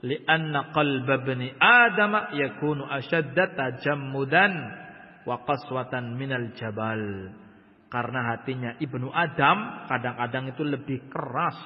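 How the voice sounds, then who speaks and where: A man, a religious teacher giving a mosque study-circle lecture, reading Arabic text and explaining it, swinging between loud declaiming and quiet asides. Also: medium pitch, a little slow. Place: large mosque hall. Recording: muffled, long reverb hall sound.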